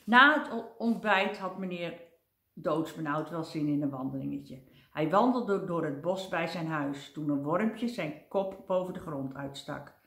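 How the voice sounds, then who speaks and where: An older woman reading a children's storybook aloud in a gentle, expressive way, with the odd slip over a word. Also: low-pitched, measured pace, roomy sound.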